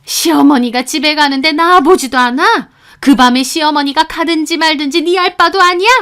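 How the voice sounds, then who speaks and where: A woman voicing a furious middle-aged mother-in-law who yells and scolds in a shrill, harsh voice. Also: normal speed. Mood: screaming scolding.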